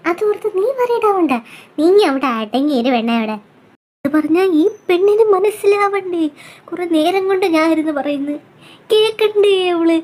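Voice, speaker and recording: Animated, high-voiced woman telling a fan story. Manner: animated, chatty, scolding and coaxing. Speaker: storyteller voicing all parts. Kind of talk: fan audio drama.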